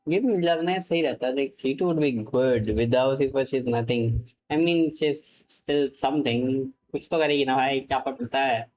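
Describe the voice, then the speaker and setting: Excitable Indian game streamer, man. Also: mid-range voice, unhurried, few pauses, low-quality recording. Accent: Indian English. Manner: excitable, swears, switches between Hindi and English mid-sentence. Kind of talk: live gaming stream commentary.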